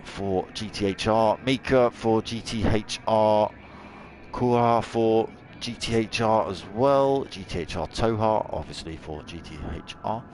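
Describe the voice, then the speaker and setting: A man's voice: lowish voice, unhurried. A man giving chatty, jokey live commentary on an online racing event, cracking dad jokes between updates. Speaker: race commentator and streamer. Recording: loud engine and track noise behind. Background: racing car engines.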